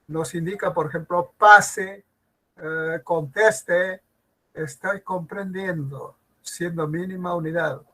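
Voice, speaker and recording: Gravelly, fairly high-voiced man, an online class teacher who keeps quizzing students. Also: a bit bright, low-quality recording. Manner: asks students questions, repeats examples slowly. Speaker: language teacher.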